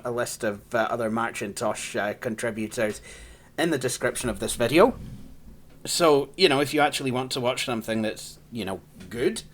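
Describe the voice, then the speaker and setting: A man's voice: medium pitch, fairly bright tone. A Scottish man casually walking through an old operating system, rambling and poking fun at himself, laughing often. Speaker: tech channel host. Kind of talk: casual hands-on software walkthrough.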